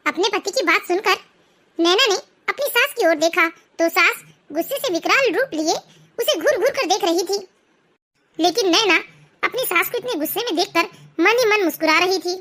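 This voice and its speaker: High bright woman narrating a story. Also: expressive, moderate pace.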